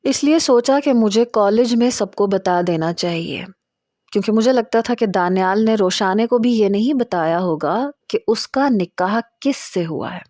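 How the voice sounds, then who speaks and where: Woman, first-person romance novel narration, confiding, mid-pitched, dry close recording. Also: a little mellow, no echo. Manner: confiding, storytelling delivery. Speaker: audiobook narrator.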